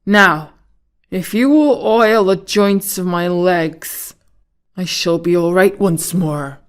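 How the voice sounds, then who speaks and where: A woman voicing a polite, sad man made of tin in a storybook, speaking in a smooth, courteous, deliberate way. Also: lowish voice. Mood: relieved.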